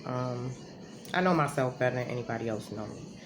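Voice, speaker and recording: A woman's voice: extremely low pitch, a little fast. A woman vlogging from her home, talking in a casual, rambling way and correcting herself as she goes. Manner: rambling, self-correcting, conversational. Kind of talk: casual talking-to-camera monologue. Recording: noisy home recording.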